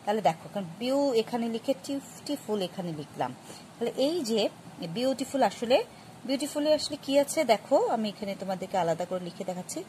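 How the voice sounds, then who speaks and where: A woman teaching a grammar lesson, explaining patiently to students with many pauses and restarts. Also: fairly high pitch, expressive, mellow, a little hiss or hum, rough recording. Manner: patient, addresses students directly. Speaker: English teacher.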